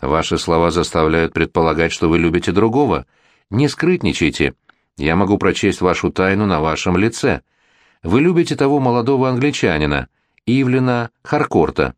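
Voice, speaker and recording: A man's voice: deep voice, sing-song, normal speed, no room sound. A man voicing a worldly, flirtatious middle-aged prince regent in a gallant, insistent manner. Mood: earnest.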